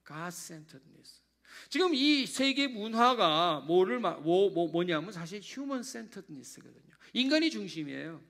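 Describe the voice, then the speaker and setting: A man, a pastor, preaching a sermon in a church, animated and swinging between loud emphasis and hushed asides, acting out little prayer dialogues. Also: sits high, creaky. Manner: animated preaching, sudden drops to hushed tones. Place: church sanctuary.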